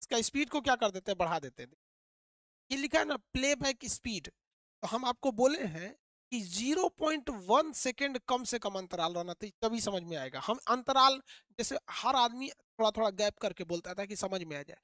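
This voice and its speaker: Male physics tutor, quick and repetitive, dry close recording. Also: extremely high pitch, lively intonation, bright, forceful tone, no room sound. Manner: rapid, repetitive, quizzing the students. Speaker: physics teacher. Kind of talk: animated classroom lecture.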